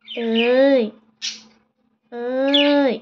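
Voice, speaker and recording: A high-pitched woman scolds and coaxes her pet bird, asking the same questions over and over. The audio is dull and muffled. Loud squawking budgerigars fill the background. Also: fairly even intonation, drawn-out words, noisy background. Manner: scolding yet coaxing, repeated questions. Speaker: bird keeper checking chicks.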